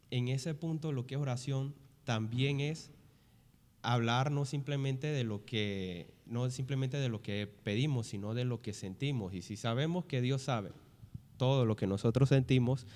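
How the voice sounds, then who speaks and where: A man's voice: medium pitch, a little mellow, big-room sound. A man who co-hosts a Bible podcast and leads a youth group, reading verses aloud and then explaining them. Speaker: youth pastor and co-host. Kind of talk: Bible study podcast talk.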